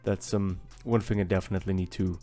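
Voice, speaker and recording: Over faint music, a young artist vlogger from Austria, a native German speaker, talks fast with little pitch movement while he draws. His low voice is soft and mellow, and his casual voice-over rambles, chats, and jokes at his own expense.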